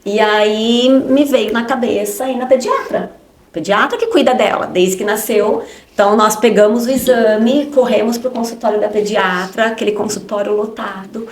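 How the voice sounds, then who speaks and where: A woman's voice: fairly high pitch, steady tone, moderate pace, slight background noise. A woman, a podcast guest giving an emotional personal testimony in short spoken phrases, often ending with a tag question. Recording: roomy echo.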